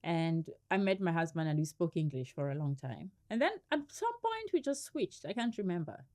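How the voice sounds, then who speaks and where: A middle-aged Kenyan woman with a fairly low voice speaks at a normal pace. As a guest in a casual interview, she tells stories in an animated way and laughs often.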